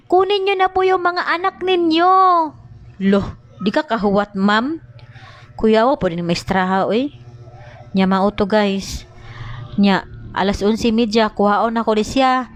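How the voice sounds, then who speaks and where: A young woman with a Cebuano accent, chatting casually as a mother vlogging, complaining and mimicking others. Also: medium pitch. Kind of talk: casual vlog chat.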